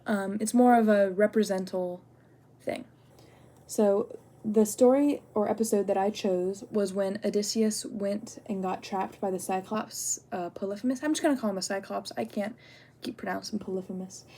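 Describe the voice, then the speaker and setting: A woman's voice: mid-range voice, fairly even intonation, normal speed, warm tone. Chatty young woman student, filler-heavy. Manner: chatty, lots of "like" and "um"; candid, gets worked up retelling personal story. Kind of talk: casual spoken assignment response.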